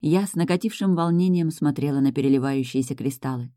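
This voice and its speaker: Mellow, calm audiobook narrator. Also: mid-range voice, no echo, studio quality. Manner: calm, measured reading. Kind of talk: scripted first-person audiobook narration.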